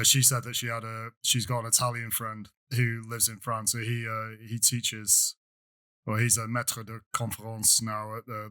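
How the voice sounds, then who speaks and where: Halting man speaking in a flat tone. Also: on the low side. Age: adult student. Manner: halting, repeats words while talking. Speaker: podcast co-host. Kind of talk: casual chat.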